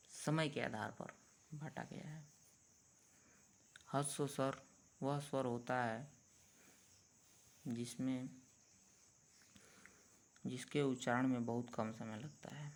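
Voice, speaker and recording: Slow, measured man teaching a lesson. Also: medium pitch. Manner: slow, measured, drawn-out letter sounds. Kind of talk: explaining a grammar lesson.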